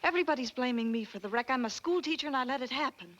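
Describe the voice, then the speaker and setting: An actress playing an upset young Southern schoolteacher with a clipped, indignant manner, in a 1940s film. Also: female voice, sits high, lively intonation, rapid-fire, fairly bright tone, highs cut off. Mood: weary. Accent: American Southern. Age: young adult.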